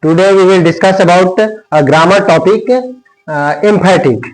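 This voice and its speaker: A male grammar teacher with an Indian accent, speaking in a fairly high voice. He talks at an unhurried pace and draws out each line of a teaching rhyme. His lessons come across as patient, word-by-word dictation to a class. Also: low-quality recording. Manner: slow, drawn-out dictation of lines, word by word.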